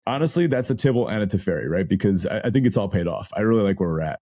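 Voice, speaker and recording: A man co-hosting a casual podcast, still a little hoarse from losing his voice, talking with chatty enthusiasm and frequent laughs. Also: lowish voice, lively intonation, rapid-fire, dark tone. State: hoarse, voice not fully recovered. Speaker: podcast co-host.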